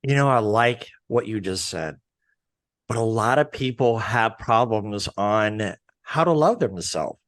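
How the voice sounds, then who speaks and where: A man's voice: fairly low pitch, expressive, measured pace, fairly bright tone, no echo. A man hosting an interview show who also works as a counselor, speaking in an informal, rambling way and sometimes losing his thread. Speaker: podcast host and counselor.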